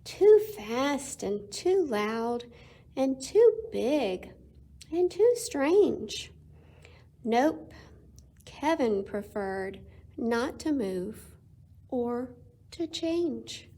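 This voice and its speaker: A woman with a voice on the high side reads a picture book aloud to children at storytime, using expressive delivery and dramatic pauses.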